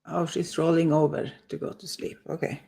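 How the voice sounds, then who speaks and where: Gravelly, mellow-voiced woman chatting casually. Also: low-pitched, flat delivery, moderate pace. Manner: chatty, playful, coos at pets. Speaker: co-host. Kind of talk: casual chat.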